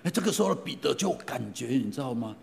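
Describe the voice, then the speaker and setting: A middle-aged man preaching a sermon, retelling stories in an animated way and often asking his listeners questions. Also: medium pitch, rapid-fire, vocal fry. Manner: animated, asks the congregation questions, frequent fillers. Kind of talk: sermon storytelling.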